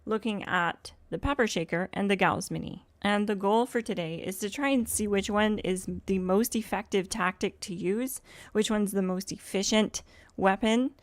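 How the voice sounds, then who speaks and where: A woman with a scratchy, hoarse voice chatting casually and explaining in a rambling way as she hosts a game livestream. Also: medium pitch, normal speed, dry recording. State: hoarse from swollen throat. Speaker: live streamer, host.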